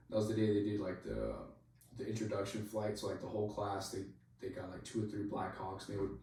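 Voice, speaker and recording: A soldier telling a story on a podcast in a rambling, casual way, leaning on "like" and swearing freely. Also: male voice, fairly low pitch, warm tone. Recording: very echoey room, voice far from mic.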